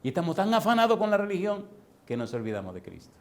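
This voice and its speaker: A man's voice: sits high, wildly swooping pitch. Man preaching with call-and-response questions. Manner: quizzes congregation with rapid questions; slows down and stretches key words for emphasis. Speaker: pastor. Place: church congregation.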